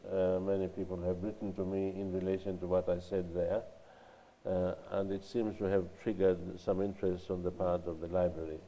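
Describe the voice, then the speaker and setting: Older guy with a stuffy nasal cold voice, slow and careful with lots of uhs, deep, dull echoey hall sound. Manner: measured, many uh fillers. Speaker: interviewed scholar and writer. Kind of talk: recorded library interview.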